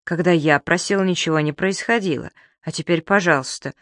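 A narrator voicing a fussy, indignant middle-aged gentleman in an audiobook reading. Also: mid-range voice, a little fast, no echo, studio quality, natural voice. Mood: puzzled. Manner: indignant, grumbling.

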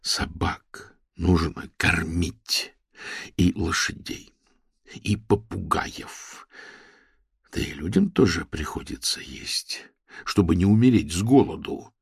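Audiobook figure: stern police major, read by a man, husky, hushed and terse. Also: slow pace, no room sound, studio quality, full character voice. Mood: cold anger. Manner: low, quiet and clipped. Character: grim police major, quietly furious.

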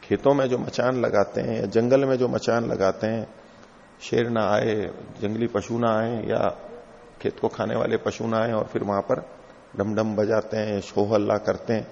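A man's voice: fairly low pitch, little pitch movement, unhurried, creaky, a little mellow, slight background noise. A middle-aged man teaching a classical text, explaining each term patiently and going over it again. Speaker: teacher of philosophy. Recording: lo-fi hall recording with long reverb.

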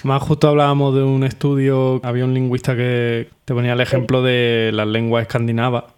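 A man co-hosting a casual radio talk, making calm, measured comparisons. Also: medium pitch, clear, resonant tone.

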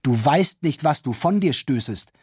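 A man voicing a frightened young merchant who pleads anxiously, with a husky voice, in a fairy-tale reading. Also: medium pitch, expressive, moderate pace, no echo, clean studio sound. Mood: pleading.

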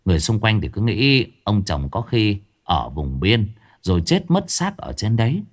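A man's voice: fairly low pitch, big pitch swings, normal speed. A man narrating a ghost story aloud in a dramatic storytelling manner.

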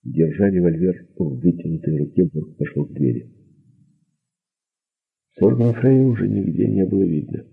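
A man narrating an audiobook thriller with a husky, gravelly voice. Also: deep voice, normal speed, long pauses. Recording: narrow phone-like sound.

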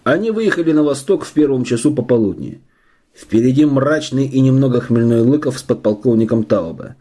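A male audiobook narrator tells the story in a steady, measured way. His voice is mellow and dark, with a husky edge. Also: medium pitch. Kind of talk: scripted narration.

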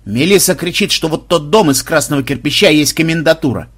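A man voicing a calm, sardonic male guide with a dry, measured delivery. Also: on the high side, slightly rough.

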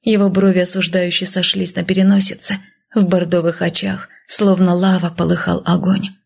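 A woman giving a soft, hushed first-person audiobook narration. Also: on the low side, flat delivery, normal speed, vocal fry.

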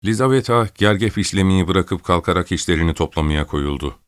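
Low-voiced male audiobook narrator. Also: expressive, a little fast, clear, resonant tone, no echo, clean studio sound. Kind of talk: scripted narration.

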